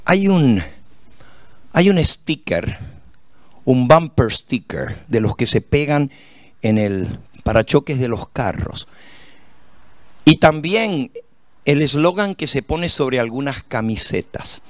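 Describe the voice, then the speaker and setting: A man's voice: medium pitch, slow, long pauses, dry recording. A middle-aged man preaching a sermon, asking the congregation questions and telling stories about his own life. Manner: animated, storytelling with rhetorical questions to the congregation. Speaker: pastor.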